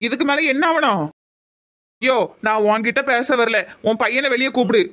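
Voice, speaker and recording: Furious cartoon brother, high and bright. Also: male voice, normal speed. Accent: Tirunelveli Tamil. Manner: shouting threats, accusing. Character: furious young man, raging brother. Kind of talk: cartoon voice acting.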